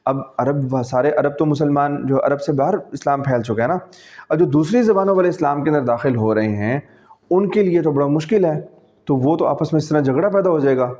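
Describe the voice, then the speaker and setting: A man's voice: fairly high pitch, warm tone. A male teacher with a Pakistani accent gives a conversational, classroom-style lecture, explaining patiently and often checking that students follow. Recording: dull lo-fi recording.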